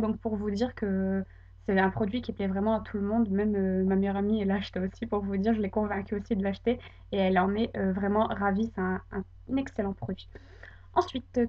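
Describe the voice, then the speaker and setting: Chatty young French woman, dull sound. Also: medium pitch. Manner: chatty, many fillers, enthusiastic repetition. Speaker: beauty vlogger. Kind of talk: casual product review to camera.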